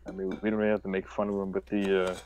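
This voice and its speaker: A man's voice: deep voice, monotone, rapid-fire, a little mellow. A young man co-hosting a livestream, chatting casually and rambling with lots of fillers. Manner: laid-back, rambling with many fillers. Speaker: livestream co-host. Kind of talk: casual chat.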